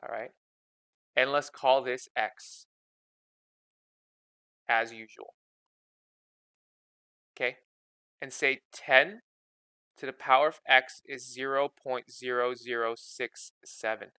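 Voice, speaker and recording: A man explains math in a loose, conversational way, checking in with his listeners at every step. His voice is bright and forward. The recording is close and dry, with almost no room sound. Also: mid-range voice, fairly even intonation, slow, long pauses, smooth, dry recording. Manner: repeats "okay?" constantly, chatty and informal. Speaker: math teacher. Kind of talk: casual explanatory lesson.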